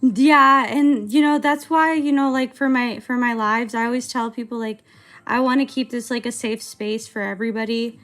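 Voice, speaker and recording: A woman's voice: a little high, steady tone, moderate pace, fairly bright tone. A woman in her twenties chatting casually on a livestream while she animates, rambling and hesitant, with lots of filler words. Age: 20s. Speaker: streamer and animator.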